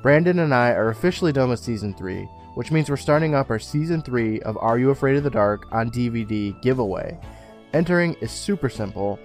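A male podcast host in casual talk, reading show announcements and retelling scenes with lively, swinging pitch. His voice sits in a middle register. He acts out the quotes with animation. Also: fairly quick, faint music behind.

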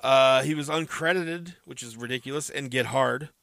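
A man's voice: medium pitch, normal speed, vocal fry, fairly bright tone, no room sound. A man co-hosting a casual movie podcast, rambling through cast lists with many fillers. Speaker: podcast co-host. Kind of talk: casual movie-review chat.

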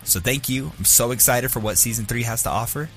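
A man's voice: medium pitch, brisk, a bit bright, soft background music. A man, the show's intern, reading an earnest, upbeat thank-you message to the hosts. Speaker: podcast intern.

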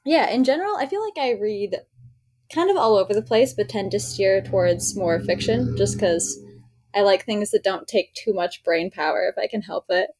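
A woman's voice: medium pitch, lively intonation, normal speed, darkish tone. A young woman in her twenties co-hosting a podcast, giggly and self-deprecating in casual chat. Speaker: podcast co-host.

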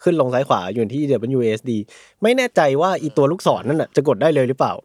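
Male co-host, mid pitch, laid-back chatty delivery, dry sound. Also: racing, slightly rough, dry recording. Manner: relaxed, chatty, lots of agreeing murmurs. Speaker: podcast co-host. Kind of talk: casual gaming chat.

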